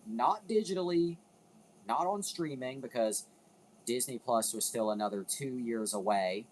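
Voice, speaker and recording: A man's voice: mid-range voice, a little slow, darkish tone, poor audio. A man hosting a casual commentary video, rambling, cutting himself off and swearing now and then. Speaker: video host.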